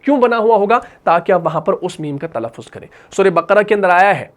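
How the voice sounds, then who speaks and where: A man teaching Quran recitation rules, patient and repetitive, asking his students questions and reciting slow examples. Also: sits high, expressive. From Pakistan. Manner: patient, repeats points and asks questions back.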